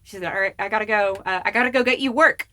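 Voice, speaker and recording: A woman's voice: mid-range voice, fast, pushed and bright. A young woman actor as a podcast guest, chatting casually in an earnest, enthusiastic way. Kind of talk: casual chat.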